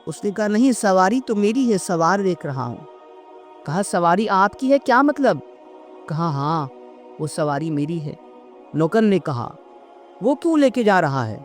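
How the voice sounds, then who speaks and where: High-voiced man telling a devotional story. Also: big pitch swings, soft background music. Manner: acts out dialogue lines, recites poetic couplets. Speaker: religious speaker.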